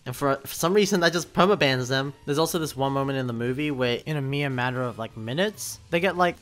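A young YouTube commentator, his voice a little high, narrates a film review as a voice-over on gameplay footage. He sounds animated and incredulous, dropping in little laughing asides.

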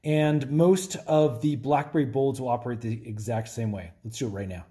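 A man with a mid-pitched, everyday voice talks a viewer through a phone setup. He is friendly and explains each step plainly. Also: moderate pace, noisy background. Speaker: tech tutorial host. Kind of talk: hands-on phone tutorial.

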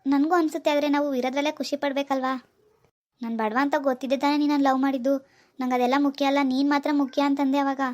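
Woman playing a heartbroken poor young village man, cartoon voice, high and monotone, hurried pleading. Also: lightly acted. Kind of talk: cartoon dialogue voice acting.

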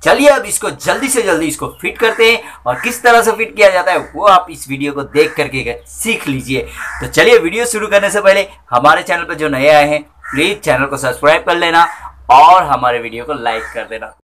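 A man's voice: a little high, animated, a little fast, a bit bright, slight background noise. A man in his thirties hosting a repair channel, casually talking through each step as he works in a small cluttered workshop, recorded on a handheld phone camera. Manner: chatty, explains step by step while working. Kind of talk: casual how-to repair narration.

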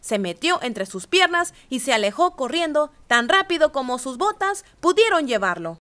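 High, lively woman reading a storybook. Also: moderate pace, a little hiss or hum. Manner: expressive, animated storytelling. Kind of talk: reading a children's picture book aloud.

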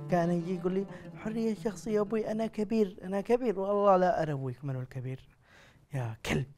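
A man plays a hot-tempered middle-aged father who scolds in a high, fast voice. He talks loudly and curses freely. Music plays steadily under the scene. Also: close to an everyday voice. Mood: scolding. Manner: loud, exasperated, rapid cursing. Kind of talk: comedy sketch acting. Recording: music playing behind the voice.

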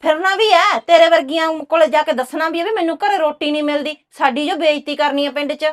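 An actress playing a proud, quick-tempered village housewife who scolds and curses, speaking. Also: female voice, high voice, close to an everyday voice. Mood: scolding. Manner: scolding, cursing. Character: sharp-tongued village housewife, angry and proud. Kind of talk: village drama dialogue.

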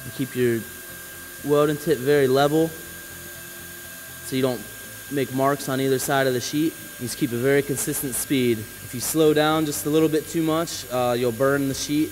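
A man talks in a relaxed, practical way while he works on an indoor floor, explaining each move as he goes. His voice sits at an ordinary pitch, and the faint hum of a power tool stays in the background. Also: normal speed, poor audio. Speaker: flooring installer. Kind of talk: casual on-the-job demonstration.

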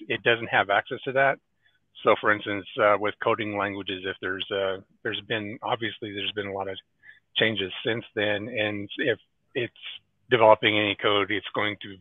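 A man speaking as a technical architect in a casual panel discussion over a video call, halting with many restarts. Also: fairly low pitch, dry recording. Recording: tinny video call audio.

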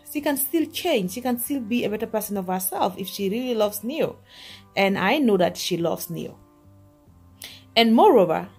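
A young woman talks straight to her phone, held at arm's length. Her voice is slightly husky and sits at a middle pitch, and her delivery is loose and chatty. A faint bed of music plays underneath. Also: a little mellow. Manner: chatty, addresses viewers as guys. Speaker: gossip vlogger. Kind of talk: casual chat to viewers. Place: back seat of a car.

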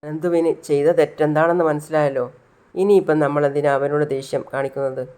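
A man's voice: on the high side, fairly even intonation, fast, darkish tone, clear, resonant tone. A man casually retelling an episode of a family serial, with small slips and restarts.

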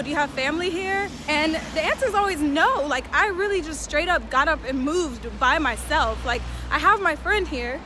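A young woman vlogging to camera, chatty and frank, out of breath as she walks through city streets. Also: high voice. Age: young adult. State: out of breath while walking. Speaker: vlogger and fashion student. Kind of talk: casual vlog talk to camera. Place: outdoors on busy city streets. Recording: loud street traffic noise.

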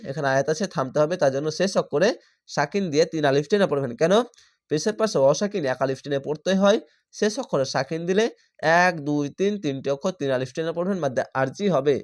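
A man teaching Quran reading who spells each word out slowly, syllable by syllable, then chants the whole word, and explains the rules patiently. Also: on the high side. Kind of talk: spelling-out Quran recitation lesson.

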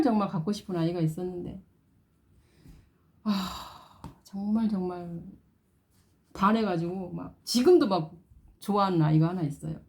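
A woman's voice: lowish voice, mellow. A middle-aged woman chatting casually in a vlog and cooing in doting baby talk to her baby dolls. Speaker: vlogger. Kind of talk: casual doll-play vlog.

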